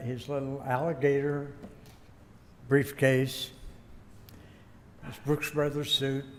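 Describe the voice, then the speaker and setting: In an echoey hall with faint noise behind him, an older American guest speaker spins a folksy, meandering anecdote, chuckling occasionally. His voice is medium-pitched with a darkish tone.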